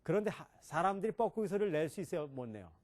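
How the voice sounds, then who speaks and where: A man's voice: sits high, big pitch swings, fast talker, darkish tone. A middle-aged man giving a classroom lecture on English pronunciation, questioning his listeners and demonstrating sounds.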